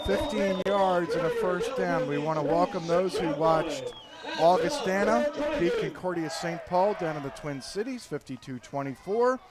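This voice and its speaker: A man calling a college football game live as play-by-play announcer, joking with his partner between plays. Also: sits high. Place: press box at a football stadium. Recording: crowd noise behind.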